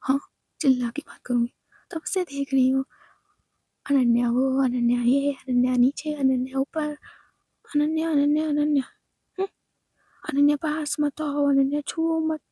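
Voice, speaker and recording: Drunk mocking young woman who shouts back, whispered role-play a woman voices her, high and mellow. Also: little pitch movement, measured pace, pauses often, no room sound. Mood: defiant.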